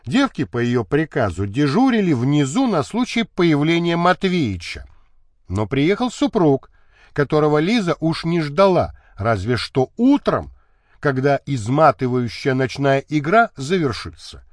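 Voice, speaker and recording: A man narrating a historical novel as an audiobook, measured and expressive. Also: on the high side, no echo, studio quality.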